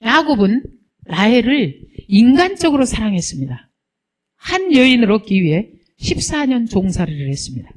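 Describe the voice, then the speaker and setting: Woman pastor preaching, bit high voice, swings up and down a lot, keeps asking the crowd questions. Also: normal speed. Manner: lively, rhetorical questions to the congregation, teasing. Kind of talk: sermon.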